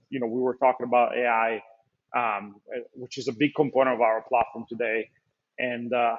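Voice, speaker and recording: An Italian startup founder and CEO, appearing as a guest, makes a business pitch during a webinar interview. His ordinary-pitched voice arrives through slightly muffled video call audio. He speaks fluently yet hesitantly, often restarting phrases and filling gaps with "uh" and "um."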